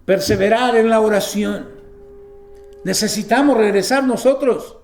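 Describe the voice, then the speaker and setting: A man's voice: sits high, unhurried, a little mellow, reverberant, faint music behind. A man preaching a sermon, reading scripture aloud and breaking in with emphatic exclamations.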